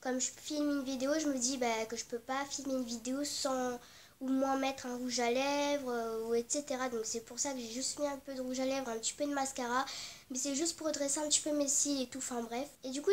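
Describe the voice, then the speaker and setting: A teenage girl from Réunion vlogs casually about beauty products, her high-pitched voice fairly even and fairly quick, with slight background noise. She's stuffy from a cold and comes across apologetic and rambling, full of fillers.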